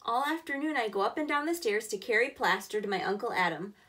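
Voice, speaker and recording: Speaking quickly in a bright, animated, higher-pitched voice, this thirtysomething teacher reads a picture book to preschoolers. She explains things clearly and simply with warm encouragement, and the indoor recording is made a short distance from the microphone.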